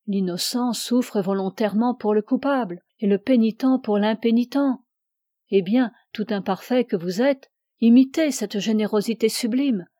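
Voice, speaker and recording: A man's voice: sits high, normal speed, mellow, no room sound, clean studio sound, natural voice. A woman reading the part of an aging ascetic priest who preaches with solemn fervor. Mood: grave. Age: older. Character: aging ascetic male priest, imperious and pleading.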